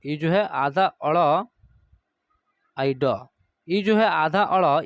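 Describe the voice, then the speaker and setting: A man teaching Hindi reading online. He sounds out words syllable by syllable and then explains the rule in quick bursts. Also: high-pitched, no room sound, dull audio. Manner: addresses viewers as friends.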